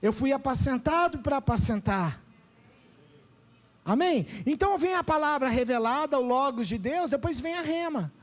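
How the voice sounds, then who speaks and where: A male pastor preaching a sermon with a Brazilian Portuguese accent, animated and often calling out to the congregation for responses. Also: extremely high pitch, moderate pace.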